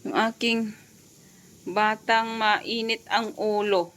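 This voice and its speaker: Chatty Filipino mom vlogger. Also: female voice, mid-range voice, steady tone, slow pace, fairly bright tone. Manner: chatty, mixes Tagalog and English, coaxes her child. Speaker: vlogger and mother. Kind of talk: casual home vlog chat. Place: at home, indoors.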